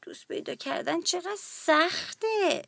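A woman's voice: high-pitched, expressive, no echo, voice pushed up. A woman doing a sweet little lonely critter. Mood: childlike. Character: lonely little young storybook creature seeking friends.

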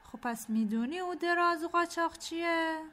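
A woman voicing a softhearted young boy in an audio story, with a whiny, pleading way of talking. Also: extremely high pitch.

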